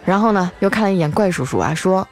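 Faint music plays under a woman with a fairly low, lively voice who speaks at a quick clip. As a radio-style comedy host of a storytelling show, she is playful and talkative, lingering on the last words of her sentences.

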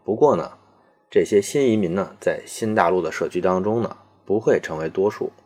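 A man giving a measured, explanatory lecture, pausing often on fillers and slowing down to demonstrate English words. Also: low voice, a little mellow. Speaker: video lecturer on English accents.

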